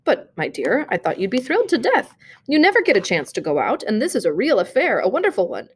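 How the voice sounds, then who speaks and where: A woman's voice: on the high side, huge pitch swings, fast talker, husky, full character voice. A woman voicing a thrifty, eager male clerk, speaking in a coaxing, earnest tone in a storybook reading.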